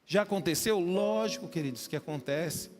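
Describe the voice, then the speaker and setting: High-voiced Brazilian pastor preaching in a hall. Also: male voice, moderate pace, a little mellow. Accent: Brazilian Portuguese. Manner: preaching with rising emphatic peaks and teasing asides to the congregation. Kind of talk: sermon. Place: church hall. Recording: roomy hall reverb with music behind.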